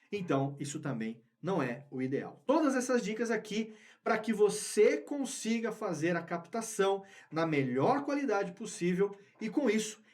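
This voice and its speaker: High-voiced man teaching podcast recording. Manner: explanatory, repeats key words for emphasis. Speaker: podcast course instructor. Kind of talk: recorded tutorial lesson. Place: podcast studio. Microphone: studio microphone with headphones.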